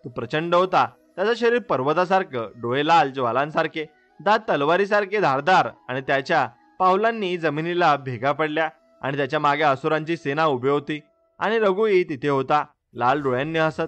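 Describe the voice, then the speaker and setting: A man's voice: on the high side, animated, normal speed, a bit bright, soft background music. A man narrating a devotional story in a dramatic, scripted storyteller style.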